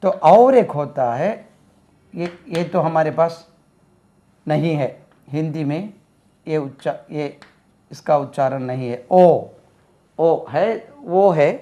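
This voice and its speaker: A man's voice: on the high side, slow pace, pauses often, dark tone. A man teaching English pronunciation, explaining step by step and repeating words to model sounds. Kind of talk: classroom explanation.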